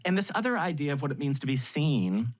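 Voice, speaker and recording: A man guesting on a podcast, telling anecdotes in an animated way and laughing often. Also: a little high, fairly quick. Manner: animated storyteller with frequent laughs. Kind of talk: anecdotal storytelling in conversation.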